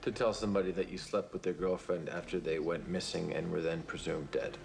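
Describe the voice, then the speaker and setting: Deep-voiced, guarded TV drama hero. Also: male voice, little pitch movement, a little fast, vocal fry, over loud music. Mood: wry, pointed. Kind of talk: TV drama acting. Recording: dramatic score under film dialogue.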